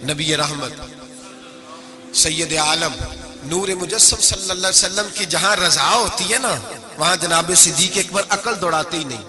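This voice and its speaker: High-voiced male preacher, dramatic delivery. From Pakistan. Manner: dramatic, shifts pitch to act out quoted dialogue; recites poetry slowly. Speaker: Islamic preacher. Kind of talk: sermon storytelling.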